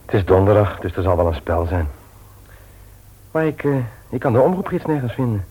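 In a naturalistic Dutch radio drama, a male actor plays a conscientious, troubled family man and office worker who is also a jovial host, speaking hesitantly and earnestly in a casual, confiding mood. His fairly low voice is mellow with a breathy edge, fairly quick, and swings widely in pitch, though the recording quality is low.

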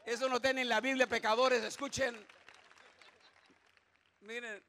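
A man's voice: very high-pitched, flat delivery, unhurried, some chatter behind. A man preaching a comic sermon as pastor, telling jokes, acting out stammering voices and calling out to the congregation. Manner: joking, acts out stammering voices; loud preaching with audience asides.

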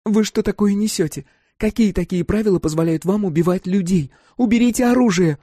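A man's voice: sits high, fairly quick, dark tone, no room sound, clean studio sound, pitched above the performer's own voice. A man voicing an indignant, commanding woman who demands and scolds. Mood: outraged. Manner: outraged, demanding.

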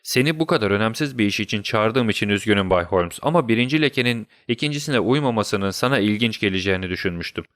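A man's voice: lowish voice, animated, fast, few pauses, a bit bright, dry recording, clean studio sound. A man voicing a smug, self-satisfied police inspector who talks in a boastful, patronizing way in a storybook reading. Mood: stern.

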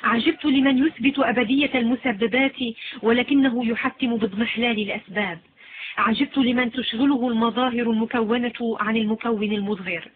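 A woman voicing a calm, certain female mystic, reciting slowly and solemnly. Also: on the high side, slight background noise, natural voice. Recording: lo-fi phone-like sound.

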